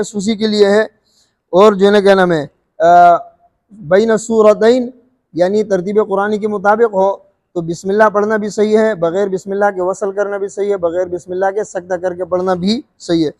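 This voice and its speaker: High-voiced man teaching recitation, echoey. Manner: slow drawn-out recited examples between explanations; checks understanding with questions. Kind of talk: explaining recitation rules.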